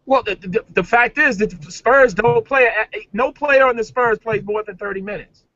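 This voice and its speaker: A man hosting a sports talk show, arguing his points in a casual, animated debate. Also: very high-pitched, normal speed, dull audio, slight background noise.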